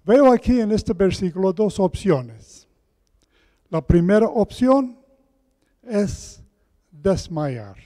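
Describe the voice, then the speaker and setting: A man preaching a sermon with a soft, gentle voice, his words ringing out in the heavy echo of a large church. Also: high-pitched, sing-song. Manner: slow, deliberate scripture reading. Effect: heavy echo of a large church hall. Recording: long church hall reverb.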